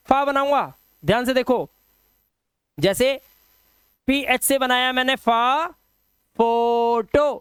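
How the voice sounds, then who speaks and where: A man drills English sounds for his students, stretching each word out slowly and patiently. His voice is smooth and resonant, and it is recorded close and dry. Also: very high voice, a bit bright, no echo. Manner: drills words slowly, asks 'ठीक है?' often. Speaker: English teacher. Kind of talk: phonics lesson.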